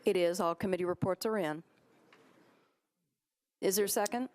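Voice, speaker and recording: A woman serving as vice mayor, chairing a council meeting in a brisk, procedural way as she reads bill titles and calls votes. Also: medium pitch, a little mellow.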